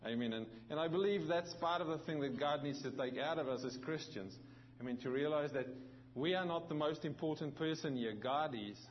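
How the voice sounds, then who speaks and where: The audio is dull with a little hiss or hum as a fairly high-voiced man gives a sermon. He's a visiting pastor from South Africa whose accent blends in some New Zealand, and he speaks haltingly, with many restarts and fillers.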